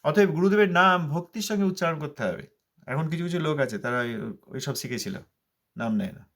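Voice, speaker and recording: A man with a fairly high-pitched voice delivers a devotional sermon. He drives points home by repeating them and answers his own rhetorical questions. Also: lively intonation, fairly quick, fairly bright tone. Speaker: spiritual teacher expounding scripture.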